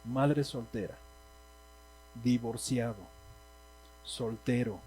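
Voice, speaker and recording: A man's voice: medium pitch, fairly even intonation, slow, dark tone, a little hiss or hum, low-quality recording. A man with a Mexican Spanish accent preaching a sermon in a church, speaking emphatically and asking the congregation questions. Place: church hall.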